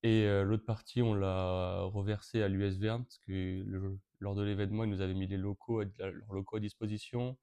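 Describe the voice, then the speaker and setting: The same teenage Breton interviewee, a nineteen-year-old event co-organizer, keeps a level, moderate pace with few pauses, though he still hesitates and restarts frequently. His voice is lowish, warm and clean.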